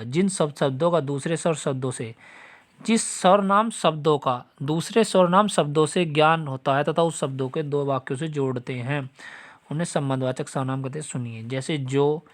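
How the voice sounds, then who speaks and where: A man with a slightly high voice teaches a Hindi grammar lesson for students preparing for exams. He goes through the example sentences one at a time and keeps addressing his listeners, asking whether they have understood. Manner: explains step by step, repeats example sentences; talks straight to students, asks if they follow. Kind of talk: exam-prep grammar lesson.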